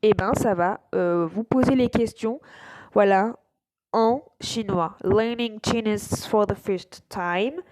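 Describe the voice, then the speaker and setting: A woman's voice: medium pitch, takes it slowly, darkish tone, dry recording, poor audio. A woman hosting her own channel, casually walking viewers through an app over a screen recording, hesitant and full of fillers and restarts. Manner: keeps saying voilà. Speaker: YouTube channel host.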